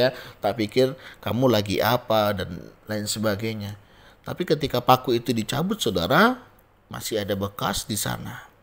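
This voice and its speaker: Man preaching a conversational devotional sermon. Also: on the low side. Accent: Indonesian. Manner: conversational, often addresses listeners as brothers and sisters; tells stories and acts out the people in them.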